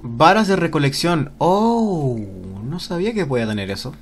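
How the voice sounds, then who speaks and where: Excitable man whooping through game commentary. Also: fairly high pitch, normal speed. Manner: exclamatory, whooping, cheering at the game; reads on-screen game text aloud. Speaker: let's play gamer.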